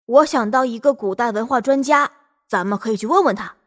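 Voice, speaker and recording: A woman voicing a confident, clever young boy adventurer in a storybook, speaking calmly and self-assuredly. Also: on the high side, brisk, close to an everyday voice. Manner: calm, self-assured, righteous. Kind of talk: storybook role reading.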